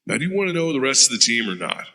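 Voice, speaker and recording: A man's mid-range, sing-song voice races along with a sharp tone, no echo, on a low-quality recording. He's performing an audio drama role as an interrogated war veteran, a hardened soldier who speaks bluntly and profanely, gruffly recounting.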